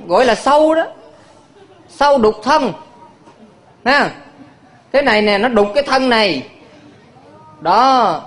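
A man's voice: sits high, a bit bright. A man, a Buddhist monk, preaching to a hall of followers in a playful way, laughing often and quizzing the audience. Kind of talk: sermon.

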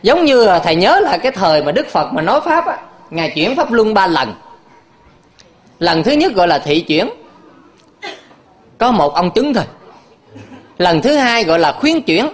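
A man's voice: high-pitched, sing-song, normal speed, pauses often. A man, a Buddhist monk, preaching to a hall of followers in a playful way, laughing often and quizzing the audience. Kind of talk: sermon.

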